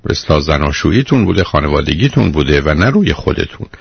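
Deep husky radio counselor man. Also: sing-song, dry recording, lo-fi sound. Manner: blunt, lecturing, calls the caller "dear". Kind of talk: call-in advice counseling.

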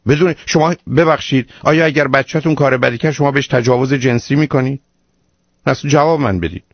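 A man's voice: mid-range voice, no room sound, dull audio. A man hosting a radio call-in advice show, lecturing a caller sternly and emphatically.

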